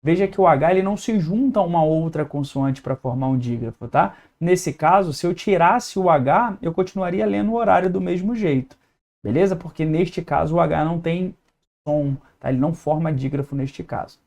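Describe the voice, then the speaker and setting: A male teacher with a Brazilian Portuguese accent, his voice sitting a little high for a man. He walks through an exam-prep lesson at a whiteboard, step by step. He keeps checking that his students are following. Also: moderate pace, creaky, a little mellow. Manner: explains step by step, checks in with "tá?" and "beleza?".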